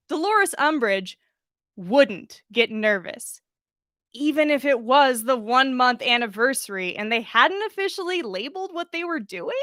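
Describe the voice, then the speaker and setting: A bright, forceful woman's voice pitched a little high, with no echo. Hosting a podcast livestream, she keeps things giggly and informal, swears casually, and chats and reads fan fiction aloud close to a mic behind a pop filter.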